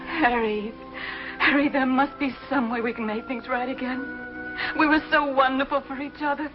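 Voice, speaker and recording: Actress playing a lonely pleading woman, tearful, stammering, high voice, 1950s tv drama, muffled old broadcast, music behind. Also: fairly even intonation, normal speed, close to an everyday voice. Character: lonely, desperate woman pleading with her ex-lover on the phone. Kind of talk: 1950s television drama acting.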